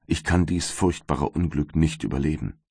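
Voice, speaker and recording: Storybook: grieving young noblewoman, pleading and sorrowful, as a male reader puts her on, very low voice. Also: normal speed, vocal fry, darkish tone, breathy edge, no echo, studio quality, full character voice.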